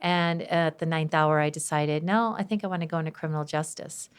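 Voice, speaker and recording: A woman in her fifties from Wisconsin, a former police officer, chatting as a podcast guest in a loud, bubbly way and laughing often. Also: low voice, fairly quick, smooth. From Wisconsin, USA. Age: 50s. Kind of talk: casual interview chat.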